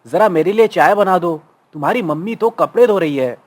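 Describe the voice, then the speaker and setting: A woman voicing a young husband in a cartoon story, in a lowered quiet voice, mildly complaining. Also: expressive, a little fast. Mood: mild complaint. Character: young husband, mild and slightly annoyed.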